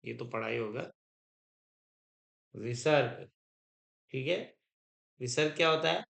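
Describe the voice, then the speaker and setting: Guy teaching grammar to a class, slow and bright, repeats stuff, keeps asking if you got it. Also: medium pitch, creaky. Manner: slow, repetitive, keeps checking understanding. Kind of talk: classroom grammar lesson with dictation.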